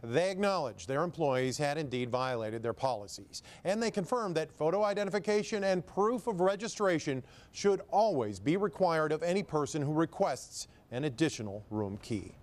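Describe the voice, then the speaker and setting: A man's voice: fairly high pitch, animated, moderate pace, few pauses. A man working as a TV news reporter, delivering a scripted report.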